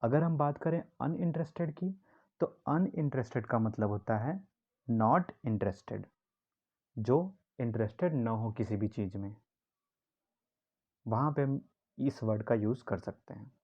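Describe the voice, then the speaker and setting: Dull-sounding male teacher explaining words. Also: medium pitch. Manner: explains slowly, repeats key words, asks and answers his own questions. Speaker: English teacher. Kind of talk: classroom-style vocabulary lesson.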